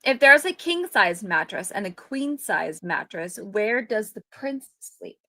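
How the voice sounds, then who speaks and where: A woman's voice: mid-range voice, very animated, unhurried, bright, forceful tone, no echo. A woman in her thirties co-hosting a podcast, chatting casually and playfully with lots of giggles and exclamations. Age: 30s. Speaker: podcast co-host. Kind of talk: casual chat.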